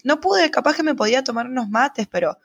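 Young argentine woman, husky voice, slangy casual podcast talk. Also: high-pitched. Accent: Argentine Spanish. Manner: rapid, slangy, expressive. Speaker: podcast co-host. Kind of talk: casual chat.

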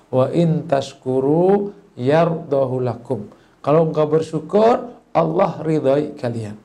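A man preaches in a gravelly, slightly high voice. He tells little stories along the way and jumps into squeaky voices for the children and the grandmother in them. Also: dark tone. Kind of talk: sermon with told stories. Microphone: voice message recording.

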